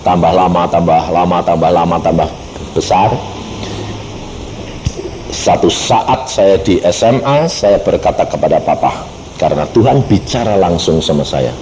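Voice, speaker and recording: A man's voice: sits low, normal speed, slight background noise, rough recording. A middle-aged man preaching a sermon, telling stories with acted-out quotes. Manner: animated storytelling with acted quotes.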